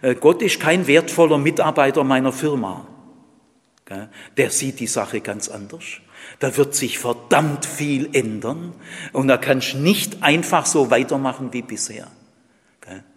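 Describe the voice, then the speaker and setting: A male preacher delivering a sermon, tagging his sentences with "gell" and moving from hushed asides to loud emphasis. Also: medium pitch, unhurried. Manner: tags sentences with "gell", shifts from quiet and intimate to loud and emphatic. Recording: long reverb in a large hall.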